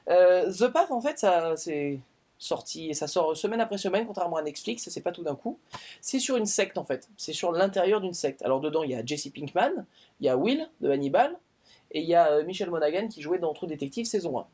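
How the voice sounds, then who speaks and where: A man's voice: fairly high pitch, lively intonation, a little fast, a little mellow. Chatty man hosting a review show. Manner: chatty, filler-heavy, with frequent "euh" hesitations. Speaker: film and series critic, show host. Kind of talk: casual talk to the camera.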